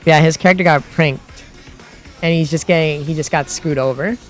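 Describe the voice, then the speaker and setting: A livestream host with a slightly high voice talks casually to his viewers at a moderate pace, rambling with plenty of fillers and restarts. He grows heated and exasperated, with soft music in the background.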